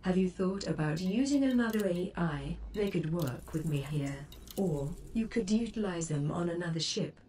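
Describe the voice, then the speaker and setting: A warm, natural female voice of fairly low pitch and lively intonation speaks as a composed game spaceship assistant. She reads scripted guidance formally and precisely at a measured rate. Audio comes from a noisy game stream and sounds slightly far off.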